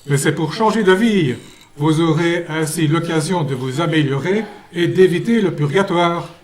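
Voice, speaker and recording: A man playing a gentle, fatherly saint. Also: fairly high pitch, lightly acted. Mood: benevolent. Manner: calm, pious, measured preaching. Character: gentle, fatherly male saint at heaven's gate.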